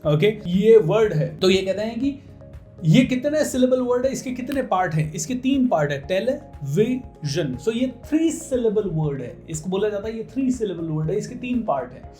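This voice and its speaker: Man slowly drilling word stress. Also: high voice, very animated, mellow, reverberant, soft background music. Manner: slows right down to drill words, stressing syllables. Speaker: spoken English coach. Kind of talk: casual Hindi lesson on English pronunciation.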